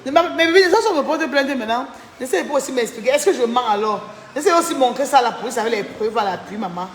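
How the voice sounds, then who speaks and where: This high-pitched woman talks fast with lively intonation, her voice reverberating as if in a big room. Worn out, she chats casually on a live stream, thanking viewers by name and indignantly venting about a falling-out.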